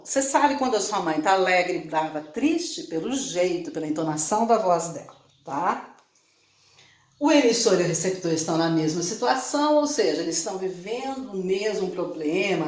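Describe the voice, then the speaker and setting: A woman's voice: lowish voice, a little mellow. A woman teacher with a Brazilian Portuguese accent, giving a chatty lesson, repeating points and asking her students questions. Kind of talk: online class lesson. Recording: echoey room.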